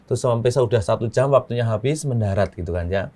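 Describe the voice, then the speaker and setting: Pastor santai bercanda sambil tertawa kecil. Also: male voice, medium pitch, fast talker. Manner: relaxed, chuckling, keeps adding "gitu kan ya". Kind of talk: casual chat, telling a joke then reflecting.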